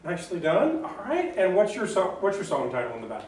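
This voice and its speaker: A man's voice: sits high, huge pitch swings, quick pace, darkish tone. Male teacher, encouraging, fillers, far mic in a reverberant classroom. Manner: upbeat, encouraging, many fillers. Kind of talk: classroom talk.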